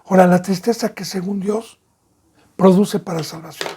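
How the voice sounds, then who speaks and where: A man's voice: high-pitched, steady tone, normal speed, husky. A man, a pastor giving an emphatic sermon that leans into vivid storytelling. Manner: emphatic preaching, acting out shouted scenes.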